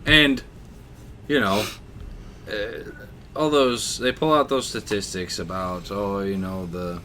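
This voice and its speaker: Lower-voiced man, earnest and halting. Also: steady tone, sharp tone, slight background noise. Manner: earnest, halting, full of fillers. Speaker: podcast co-host. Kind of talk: satirical podcast chat.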